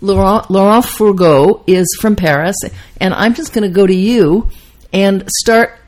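A woman's voice: mid-range voice, unhurried, a little mellow. A woman hosting an interview show, chatty and cutting in with questions. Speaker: host.

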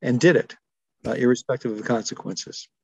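A man's voice: medium pitch, a little fast, slightly rough, no echo. A man in his seventies, talking thoughtfully and wryly in an interview, chuckling between stories. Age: 70s. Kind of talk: reflective conversational storytelling.

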